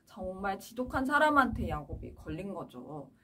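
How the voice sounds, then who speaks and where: A woman preaching to children, telling a Bible story in a simple, animated way. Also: mid-range voice, normal speed, breathy edge, distant mic. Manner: animated, explaining simply to kids. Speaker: children's Sunday school teacher.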